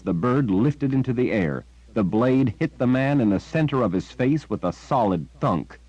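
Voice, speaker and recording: A male audiobook narrator with a very deep voice, reading in a measured storytelling manner. The recording is dry and close, with a somewhat dull, muffled tone. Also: a little mellow, dry recording. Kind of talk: scripted narration.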